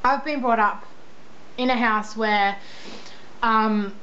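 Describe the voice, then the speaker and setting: A woman's voice: fairly high pitch, slow, bright, forceful tone. A young woman with an Australian accent chatting casually in a rambling, self-deprecating, informal way as she answers viewer questions. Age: young adult. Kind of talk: casual chat. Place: indoors at a computer. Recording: dull lo-fi sound, faint background noise.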